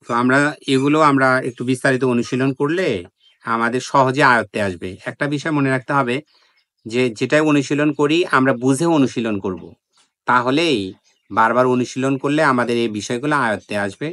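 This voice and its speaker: A man's voice: medium pitch, moderate pace, fairly bright tone, no echo, studio quality. A man teaching Quran pronunciation at a whiteboard, patiently repeating drill syllables with an emphatic bounce. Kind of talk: whiteboard lesson on tajweed pronunciation.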